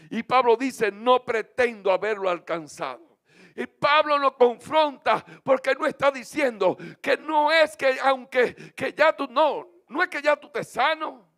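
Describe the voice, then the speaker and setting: A man with a Dominican accent, a pastor preaching a sermon to his congregation. He calls on them to repeat phrases back to him and breaks into sung, shouted lines. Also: very high-pitched. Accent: Dominican Spanish. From Dominican Republic. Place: church.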